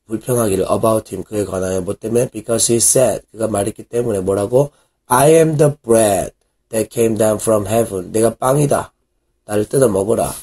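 A man, a pastor, giving a Bible English reading lesson, reading verses slowly and asking and answering his own questions. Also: medium pitch, darkish tone, breathy edge. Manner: asks questions and answers them himself.

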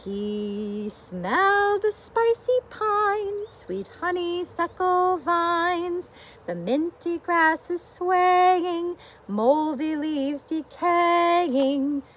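Her pitch extremely high, this middle-aged teacher stretches out her words expressively over soft background music. She reads and sings a picture book to young children in a leafy garden, keeping the talk simple and singsong and regularly asking them easy questions; a nearby camera or phone records her.

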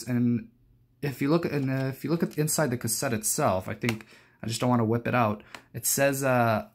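Presenting his cassette collection, a young man speaks in a creaky, mid-range voice. His show-and-tell is casual and unplanned, full of hesitant rambling and frequent self-corrections.

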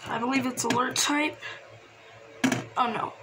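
Her voice high-pitched with a steady tone, a video host casually presents her personal radio collection as a hobby show-and-tell, speaking haltingly and letting sentences trail off. She is indoors in a small, cluttered room, and the handheld phone camera gives a clicky, noisy home recording.

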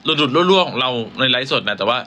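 A singer hosting a live stream, chatting with fans in a playful, teasing way. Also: male voice, medium pitch, animated, fast talker, noisy background. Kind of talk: casual live-stream chat.

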